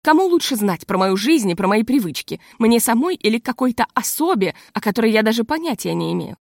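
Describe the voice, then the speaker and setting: A woman's voice: fairly high pitch, brisk, gravelly, no room sound, exaggerated voice. Woman voicing a proud educated lady, indignant, holding her temper, dry sound. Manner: indignant, forcing herself to stay calm. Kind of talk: audiobook character reading.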